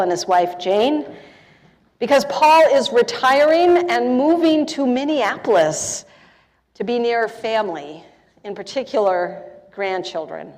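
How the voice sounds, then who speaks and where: An older woman minister speaks from the pulpit in a fairly high voice, chatty and self-deprecating. The sound carries the long reverb of a church sanctuary. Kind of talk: church service welcome address.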